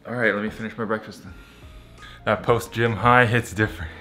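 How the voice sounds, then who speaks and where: A man's voice: on the low side, steady tone, a little fast, pushed and bright, faint music behind. A young man talking casually to camera as a vlogger. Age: young adult. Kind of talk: casual vlog chat.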